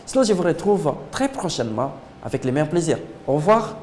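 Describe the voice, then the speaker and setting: A man's voice: a little high, big pitch swings, a little fast. A man with a Congolese French accent presenting a lottery draw like a bingo caller, calling numbers with formal, ceremonious address.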